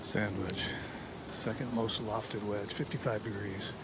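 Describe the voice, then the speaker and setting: A man's voice: fairly low pitch, steady tone, measured pace. A man giving analytical, conversational live golf commentary. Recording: loud outdoor course noise. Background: loud outdoor ambience.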